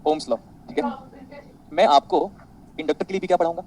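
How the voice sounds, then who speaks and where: A man teaching an online physics class, animated and boastful, quizzing his students constantly. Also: on the high side, brisk, slight background noise, poor audio.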